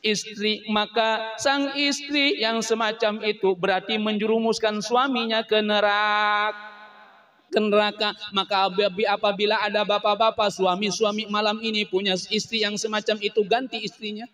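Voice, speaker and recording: A man's voice: sits high, level tone, moderate pace, pushed and bright. A man. He slips into playful put-on voices to act out nagging wives and meek husbands. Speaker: preacher. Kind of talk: humorous sermon.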